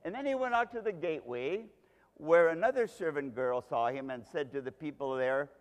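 Delivering a sermon to a congregation, this pastor recounts the story with drama and heavy emphasis. He speaks at a moderate pace in a fairly high, expressive voice, recorded with long hall reverb.

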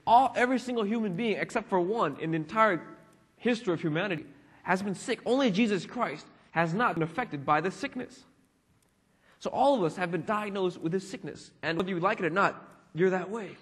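Casual young pastor in an echoing hall. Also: male voice, high voice, brisk, fairly bright tone, slightly rough. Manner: chatty, frequent "you know" and "like" fillers. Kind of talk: casual conversational sermon. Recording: long reverb of a hall.

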